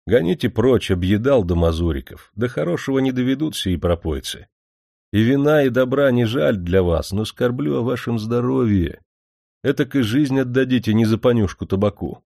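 Humble, soft-spoken old servant, pleading, read by a male narrator. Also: medium pitch, animated, normal speed, vocal fry, no room sound, clean studio sound, voice pushed up. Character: older male steward, gentle and devoted.

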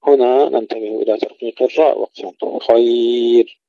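A man teaching Quran recitation rules. He recites verses slowly and drawn-out, then explains pronunciation quickly and corrects common mistakes. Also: medium pitch, dry recording, muffled recording.

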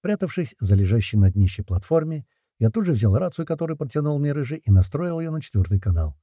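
A man's voice: medium pitch, sing-song, fast, mellow, slightly rough, no room sound, clean studio sound. A man narrating a tense first-person action audiobook.

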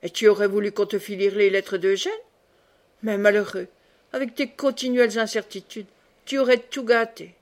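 A scornful old mother, shrewd and dry in her mockery, as a woman reads her aloud. The voice sits a little high, and the tone is cool and knowing. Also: little pitch movement, normal speed, natural voice. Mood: impatient. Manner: mocking, dry.

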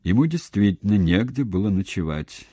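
A male audiobook narrator reads a novel in a measured, expressive way. His voice is low and mellow with a husky edge. The sound is dry and close. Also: no room sound. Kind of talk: scripted narration.

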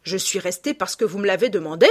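A woman's voice: medium pitch, normal speed, lightly acted. Woman voicing a mocking worldly aristocrat. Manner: lively, teasing. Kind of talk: audiobook reading.

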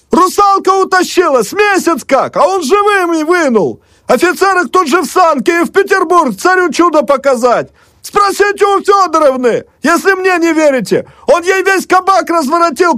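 A man voicing a desperate peasant man who yells pleas and boasts out of a window at a hostile crowd, as part of an audiobook reading. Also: no room sound, studio quality, heavily acted. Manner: bellowing, desperate, high-pitched yelling. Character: frantic peasant man shouting at a mob.

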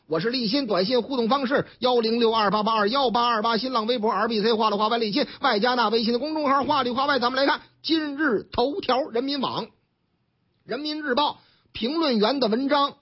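Lively Beijing-accented male radio host. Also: very high voice, slightly rough. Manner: lively storytelling, acts out quoted characters with voice changes. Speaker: radio news commentary host. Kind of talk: chatty Beijing radio newspaper commentary. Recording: dull lo-fi radio broadcast.

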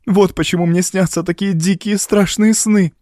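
A frightened young wife, as a male reader puts her on, pleads in a raised, unsteady voice. Her lines climb high and break with strain. The sound is dry and close to the mic. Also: fairly even intonation, normal speed, darkish tone, dry recording, lightly acted. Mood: despairing. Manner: pleading, trembling.

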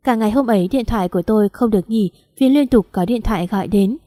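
Woman narrating a story, warm and dry. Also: mid-range voice, quick pace, no echo. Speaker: audiobook narrator. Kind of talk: first-person story narration.

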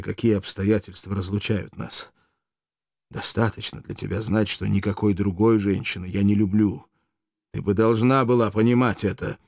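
A young gladiator in despair, his words halting and breaking with grief, as a male narrator reads him. The voice stays low and close. The recording is dry. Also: gravelly, a little mellow, dry recording. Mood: imploring.

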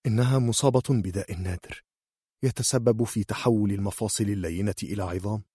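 A man's voice: lowish voice, fairly quick, dark tone, slightly rough, no echo, clean studio sound. A man voicing a cool, shrewd young healer girl. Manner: cool, matter-of-fact and bargaining.

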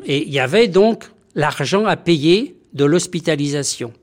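A doctor, a man, speaks in a somewhat high register for his sex, earnest and emphatic. He pauses and hesitates often as he lays out his thoughts in an interview. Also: expressive. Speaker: doctor and community health activist. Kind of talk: documentary interview testimony.

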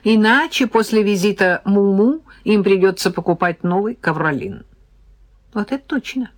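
A woman's voice: medium pitch, normal speed, lightly acted. A woman reading an audiobook, voicing a cheerful, chatty young woman who teases her friend. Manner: lively, chatty, playfully bossy. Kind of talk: audiobook character voice.

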